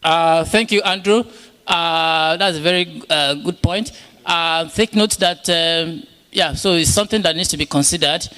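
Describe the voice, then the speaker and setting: A man's voice: a little high, measured pace, bright, forceful tone, smooth. Hesitant man chairing a hall meeting. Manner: hesitant, many filler sounds. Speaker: session chair. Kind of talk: moderating a public policy meeting. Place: large conference hall.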